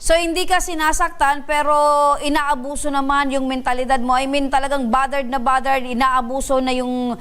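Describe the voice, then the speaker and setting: High-voiced woman program host. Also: level tone, normal speed, a bit bright. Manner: probing, summarizes the caller's story back. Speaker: host of a public-service program. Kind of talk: radio interview.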